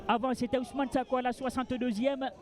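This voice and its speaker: A man giving excited live football commentary as lead commentator, exclaiming and repeating phrases, outdoors at a stadium. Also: very high-pitched, quick pace. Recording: crowd noise, outdoor stadium.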